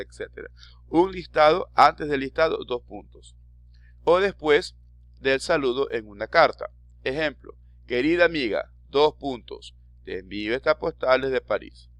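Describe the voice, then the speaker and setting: A man's voice: medium pitch, a bit bright, no room sound. A male teacher giving a recorded grammar lesson to students, quizzing them and using dramatic voice inflections, with a Latin American Spanish accent.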